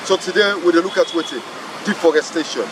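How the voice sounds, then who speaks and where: A man's voice: on the high side, fast. A man with a Sierra Leonean accent hosting an educational program in an emphatic, repetitive way. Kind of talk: educational presenting, mixing Krio and English. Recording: clear outdoor traffic noise.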